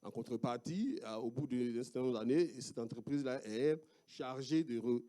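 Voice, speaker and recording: A man with an Ivorian French accent, a sociologist giving an academic talk with slides, speaking haltingly with many fillers and restarts. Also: mid-range voice, animated, mellow. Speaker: sociologist presenting research.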